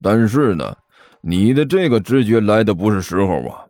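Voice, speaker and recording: Man doing a gruff, grumbling old-school master. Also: lowish voice, big pitch swings, darkish tone, no echo, soft background music, pitched below the performer's own voice. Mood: lecturing. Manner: slow, grumbling, lecturing. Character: gruff boastful middle-aged tomb-robber master.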